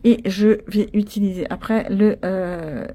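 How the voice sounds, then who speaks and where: A woman's voice: medium pitch, steady tone, a little slow, dark tone. A woman chatting casually to her viewers, thinking aloud as she colors a picture with pencils. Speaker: coloring channel host. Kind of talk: casual narrated coloring session.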